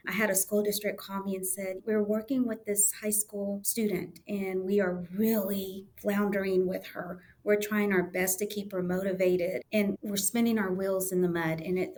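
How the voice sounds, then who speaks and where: A woman's voice: medium pitch, darkish tone. Woman, podcast guest, earnest and emotional storyteller, mid-range voice. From United States. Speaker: podcast guest, testing coordinator. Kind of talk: conversational storytelling interview.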